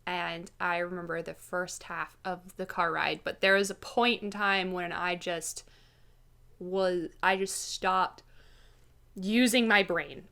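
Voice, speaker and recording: A woman telling a personal story in a casual vlog style, with an animated manner that slips into acting out dialogue. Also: fairly low pitch, slow pace, gravelly. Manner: animated, acts out quoted dialogue. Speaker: vlogger.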